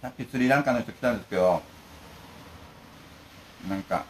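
A man's voice: medium pitch, brisk, a little hiss or hum, low-quality recording. A talkative middle-aged man, the manager of a bento shop, telling stories in casual chat. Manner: talkative, lively storytelling.

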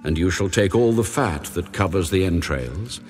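An actor playing God as a solemn, commanding male deity, giving sacred instructions deliberately in a dramatized audio Bible. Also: low-pitched, animated, darkish tone. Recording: long reverb over background music. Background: music.

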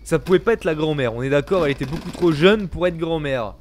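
Slight background noise accompanies a young man's high, quick voice as he gives jumpy, panicked, profanity-laced commentary on a horror game. He's indoors in a small home gaming room, headset on, right up against a desk mic.

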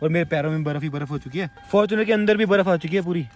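A young man talks to his viewers in a casual travel vlog, rattling along at a fast clip. His voice sits a touch high for a man, and he sounds chatty and excitable throughout. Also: loud music behind the voice. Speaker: travel vlogger.

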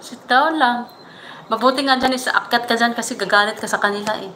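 A woman's voice: fairly high pitch, brisk, sharp tone, a little hiss or hum. A woman hosting a casual livestream, chatting with viewers and cooing baby talk at her puppy. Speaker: livestream host.

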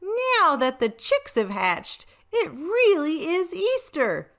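Woman acting a kindly old grandmother pig, high voice, very animated, unhurried, storybook style. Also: lo-fi sound, heavily acted. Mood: pleased. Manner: bright-spirited, instructive to children.

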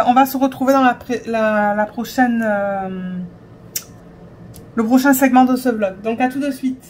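High-voiced, chatty woman vlogging at home. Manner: chatty and excitable, with squeals and many fillers. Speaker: diamond painting vlogger. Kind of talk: casual home vlog.

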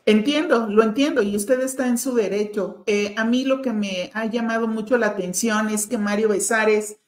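A woman interviewer, asking measured, probing questions. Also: a little high, fairly even intonation, echoey room.

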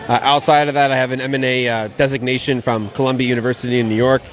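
Faint music and some chatter sit behind a man in his thirties who owns an investment banking business as he answers questions in an outdoor street interview. He talks fast in a level, mid-range voice into a handheld mic on an event patio.

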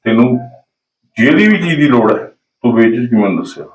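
Actor as a village headman, mid pitch, roomy echo, keeps checking "okay?". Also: animated, fairly quick, lightly acted. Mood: reassuring. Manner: keeps asking "okay?", defensive when scolded. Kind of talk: amateur short film acting.

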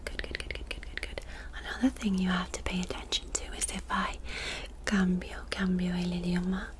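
Young woman's fast, insistent ASMR whispered role-play. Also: fairly low pitch, flat delivery. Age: young adult. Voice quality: breathy whisper. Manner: fast, insistent ASMR with rapid word repetition; commanding, directing the listener to focus. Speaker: ASMR performer playing a reiki healer. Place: small dark room indoors. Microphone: close desk microphone.

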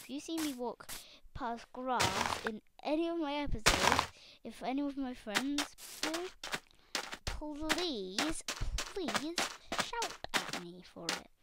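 A young woman talks her viewers through a block-building game, chatty and excitable. Her voice is high and she speaks slowly. A loud hiss of noise sits under the whole recording. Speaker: gaming channel host. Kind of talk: casual gameplay commentary.

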